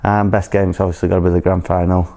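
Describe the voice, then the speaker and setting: A man's voice: low voice, little pitch movement, quick pace, mellow. A man, a rugby league player giving brief, hesitant answers in an informal profile interview.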